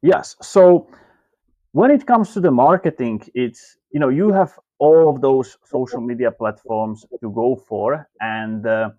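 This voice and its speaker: A man's voice: mid-range voice, a little slow, dark tone, no room sound. Man from slovakia on a video call, loose rambly answers, kinda dull dry audio. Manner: loose, filler-heavy phrasing. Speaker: guest, marketing coach. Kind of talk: interview answers.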